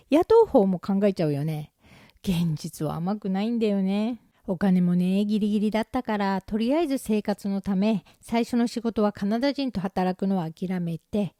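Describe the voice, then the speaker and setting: Chatty woman vlogger with a mellow, warm voice and dry, close sound. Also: mid-range voice, dry recording. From Japan. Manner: chatty and self-mocking, with lively asides. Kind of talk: casual storytelling.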